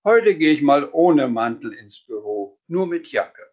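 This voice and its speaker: A man voicing a mild, patient gentleman who speaks calmly. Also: a little high, a little slow, lo-fi sound.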